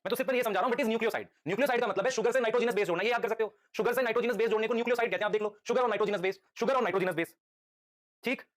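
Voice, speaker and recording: A man teaches a live lecture in a high, steady voice, patiently quizzing his students with quick, repeated questions and calling them "beta."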